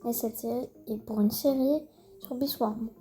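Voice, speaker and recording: A woman's voice: a little high, steady tone, normal speed, mellow, low-quality recording. A woman giving casual, rambling gameplay commentary full of fillers, now and then slipping into English words. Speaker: gaming video creator.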